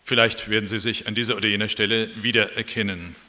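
Ein Mann, der ruhig erklärend eine Predigt hält. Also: male voice, on the low side, fairly even intonation, fast, bright, forceful tone, big-room sound. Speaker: preacher. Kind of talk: sermon.

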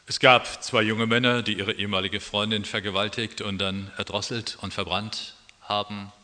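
Prediger mit hellem Klang im Hall. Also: male voice, on the low side, flat delivery, moderate pace, sharp tone. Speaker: preacher. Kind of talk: sermon.

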